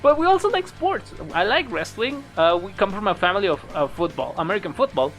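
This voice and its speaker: A man from Mexico with a Mexican accent tells rambling stories in casual podcast chat, his pitch swinging animatedly. He laughs often as he goes, with faint music in the background. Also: sing-song, quick pace, a bit bright. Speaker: podcast co-host.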